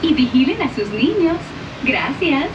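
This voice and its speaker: Woman's high safety message over a muffled loudspeaker. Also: big pitch swings, moderate pace. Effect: played over an outdoor tram loudspeaker. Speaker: recorded safety announcer. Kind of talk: prerecorded safety announcement. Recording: distant, muffled loudspeaker with loud noise.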